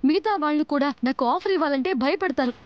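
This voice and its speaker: A woman's voice: high voice, quick pace, highs cut off, lightly acted. An actress playing an ambitious young model who scolds her husband and begs a director for forgiveness. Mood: scolding. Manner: pleading, scolding. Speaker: aspiring model. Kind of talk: TV serial acting.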